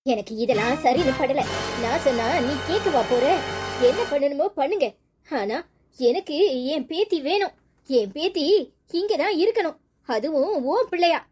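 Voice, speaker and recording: A woman's voice: high voice, animated, moderate pace, darkish tone, faint music behind. An actress playing an anxious, strong-willed grandmother in a family drama, with an insistent, scolding manner. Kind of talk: TV serial acting.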